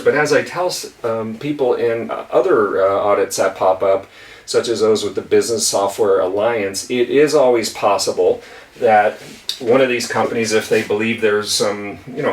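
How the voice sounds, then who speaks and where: A man talks through a legal topic at a whiteboard in a relaxed, repetitive way, full of fillers. His voice sits at an ordinary middle pitch. The sound is roomy and a bit distant, as if picked up by a camera mic across an office. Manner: casual, repeats himself, verbal fillers. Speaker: intellectual property lawyer. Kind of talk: explainer video at a whiteboard. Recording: echoey room, mic at a distance.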